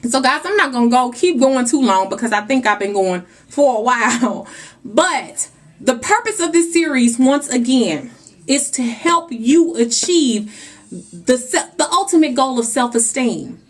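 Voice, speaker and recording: A young woman with a notably high voice talks straight to camera in an emphatic, preachy way. She urges her viewers on and calls them "guys" and "y'all". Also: expressive, unhurried. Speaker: vlogger. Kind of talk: motivational talk to camera.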